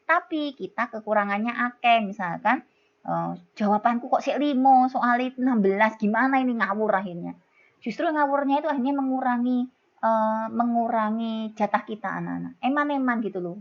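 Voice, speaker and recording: A middle-aged woman teacher with a Javanese accent, explaining exam material in a chatty, teasing way and calling her students kids. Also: on the high side. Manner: chatty, scolding-playful, calls students "kids". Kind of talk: exam-prep lesson. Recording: dull lo-fi recording.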